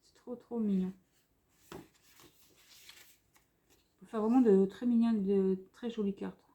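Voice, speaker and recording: A woman's voice: mid-range voice, fairly even intonation, slow pace. A French woman showing craft paper pads at home, chatting in a rambling, gushing way with many fillers and restarts. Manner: softly gushing over cute items. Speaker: craft vlogger showing a haul. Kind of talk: casual haul commentary. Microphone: camera on a tripod.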